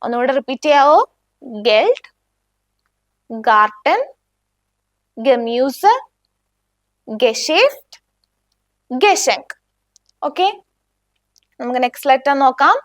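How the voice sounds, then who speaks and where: A woman teaching a beginner language lesson with a Malayali accent, saying each word slowly and asking learners to repeat after her. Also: sits high, lively intonation, no room sound, studio quality.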